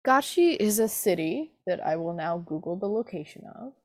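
A woman's voice: mid-range voice, lively intonation, moderate pace, no echo, clean studio sound. A young woman co-hosting a casual book chat, talking in a chatty, self-mocking way. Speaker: podcast co-host discussing a book.

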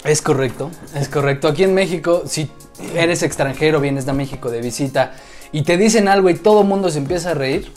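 A man's voice: on the high side, brisk, darkish tone, faint music behind. A man with a Mexican accent co-hosting a podcast in casual comedy chat. He talks in playful slang and jokes around. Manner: playful, slangy, doing regional voices. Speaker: podcast co-host.

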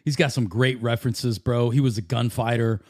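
A man's voice: mid-range voice, fairly even intonation, normal speed, darkish tone, dry recording, studio quality. A man chatting casually like a frat bro, full of slang and swearing. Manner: frat-bro slang, says bro and dude often. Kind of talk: casual hype chat.

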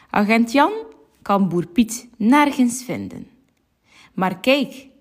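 A woman reading a children's story aloud, gently and clearly, as if to a child. Her pace is very slow and unhurried, with a mid-range pitch.

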